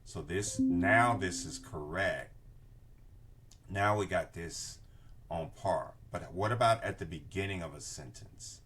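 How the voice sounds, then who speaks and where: Deep-voiced older male instructor. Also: slow, a bit bright, slightly rough. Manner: explanatory, often checking with "okay?" and "right?". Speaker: research class instructor. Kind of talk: informal screen-share tutorial. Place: indoor room with bookshelves, video inset.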